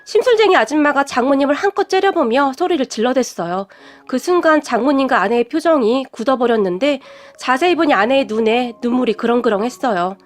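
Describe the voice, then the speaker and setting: A woman narrating a scripted story in an even, conversational way. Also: high voice, fairly quick.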